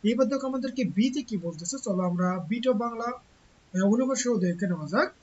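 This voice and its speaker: A woman's voice: on the high side, a little mellow. Woman tutor explaining a lesson. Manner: reads English lines slowly, then translates each into Bengali; repeats phrases and explains step by step. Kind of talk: recorded textbook lesson. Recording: slightly dull with faint hiss.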